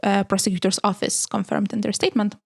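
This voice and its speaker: A woman hosts a casual podcast and presents news items from her prepared notes. She talks to her co-hosts in a relaxed, chatty way. She laughs easily between points. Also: mid-range voice, quick pace, creaky.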